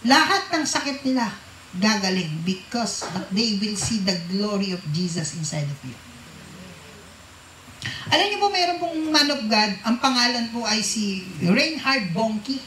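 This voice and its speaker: A woman's voice: mid-range voice, sing-song, a little slow, fairly bright tone, a little hiss or hum. A woman preaching a sermon to a congregation, often asking them questions and mixing English phrases into her talk. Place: church hall with a congregation. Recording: echoey church hall.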